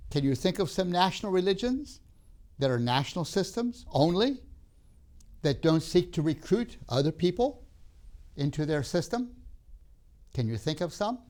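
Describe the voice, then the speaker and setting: An older man who grew up in Tanzania gives a recorded seminary lecture, speaking in measured, emphatic phrases with pauses, "uh"s and restarts. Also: high voice, big pitch swings, darkish tone.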